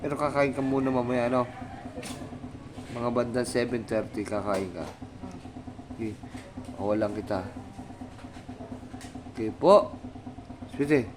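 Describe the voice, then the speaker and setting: A man's voice: fairly even intonation, moderate pace, long pauses, noisy background. Man cooing baby talk to his dog. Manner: coaxing, sing-song baby talk with raised pitch. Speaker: vlogger talking to his pet dog. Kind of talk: casual pet talk.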